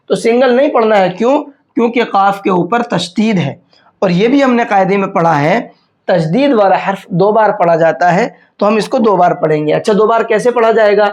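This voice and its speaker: A man teaching a tajweed lesson, patiently asking himself questions and then answering them, and slowing down to draw out words as he demonstrates. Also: sits high. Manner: slows down to demonstrate words drawn out. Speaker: Quran teacher. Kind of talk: tajweed lesson explaining pronunciation.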